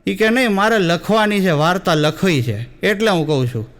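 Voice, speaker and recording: On stage, a young man with a Gujarati accent tells comic stories, acting out the dialogue in quotes and singing bits of wedding songs. His voice is high-pitched and fairly bright, and he keeps a moderate pace. He's a stand-up comedian.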